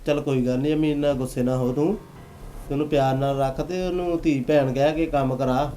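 A man playing a lazy husband who tries to calm his angry wife. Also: medium pitch, faint music behind, lightly acted. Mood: placating. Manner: calming, rapid.

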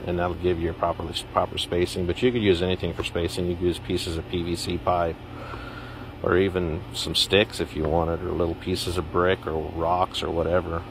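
Low-voiced man explaining a DIY build. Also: moderate pace, noisy background. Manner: relaxed, plain-spoken, rambling with fillers. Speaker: DIY vlogger. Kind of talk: casual how-to explanation. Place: outdoors in a yard.

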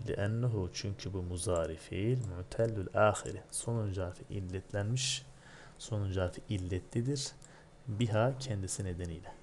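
A man's voice: low voice, darkish tone, a little hiss or hum. A man teaching Arabic grammar in a methodical lecture, asking and answering his own questions.

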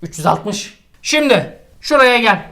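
A man's voice: extremely high pitch, big pitch swings, a little slow, sharp tone. A man tutoring geometry in a comic lesson, scolding his student in an exasperated, crude way with swearing. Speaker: math tutor.

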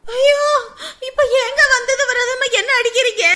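A woman's voice: extremely high pitch, moderate pace, heavy background noise. A woman voicing a scheming young wife who wails, cries and begs not to be beaten. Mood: wailing. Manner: wailing, crying and begging. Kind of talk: dramatic story voice acting.

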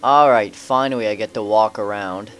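A man's voice: lowish voice, moderate pace, a bit bright. A man giving casual let's play commentary, cracking jokes and talking back at the game characters. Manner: joking, wisecracks at game characters.

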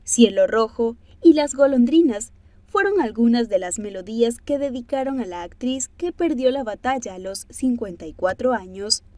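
A woman narrates an entertainment news story from a script. Her voice sits slightly high and is recorded dry and close. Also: a little mellow, no echo.

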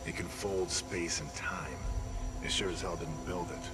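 Grim game soldier: deep, clipped, serious log delivery over loud music. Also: male voice, a little slow. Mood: grim, urgent. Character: grim military officer recording a field log.

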